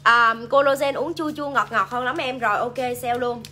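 Bright high-voiced Southern Vietnamese woman seller. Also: normal speed. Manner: chatty, reads viewer comments aloud and hypes products. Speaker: livestream seller. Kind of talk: casual live sales pitch.

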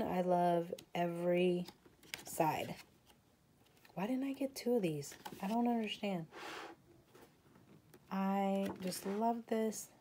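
A woman's voice: lowish voice, mellow, slight background noise. A woman showing off her craft supply haul in a casual video, gushing over each item and saying she is tired. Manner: gushing, breathless exclamations. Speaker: craft vlogger.

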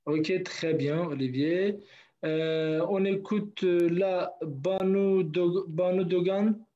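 A man's voice: high-pitched, slow pace. A man from northern Kurdistan teaching a language class online, patiently repeating words for his students. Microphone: video call. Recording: dull lo-fi online call audio.

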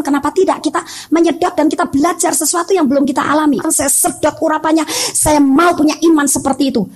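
A woman pastor delivers a sermon with a high voice. She tells stories with energy and acts out each person's lines. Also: a little mellow. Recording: radio broadcast.

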